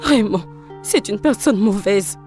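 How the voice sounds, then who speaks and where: A woman's voice: medium pitch, a little slow, warm tone, soft background music, natural voice. An actress dubbing an emotional young woman who pleads and cries out, in a French film dub. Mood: bitter. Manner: pleading, emotional, often crying out.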